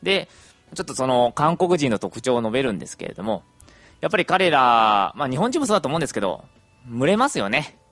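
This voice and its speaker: A man's voice: mid-range voice, quick pace, dry recording. A young adult man chatting through a casual podcast monologue, with plenty of fillers. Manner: chatty, lively intonation, many fillers.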